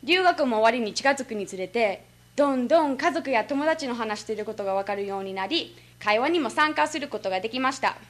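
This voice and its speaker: A woman's voice: fairly high pitch, lively intonation, a little fast. A teenage American girl speaking Japanese with a Kansai accent, giving an earnest prepared speech with small laughs. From United States. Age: late teens. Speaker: student speech contestant.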